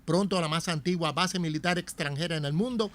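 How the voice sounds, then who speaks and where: A man's voice: on the high side, fairly quick, fairly bright tone. A man with a Cuban Spanish accent reading documentary narration in a solemn, emphatic way.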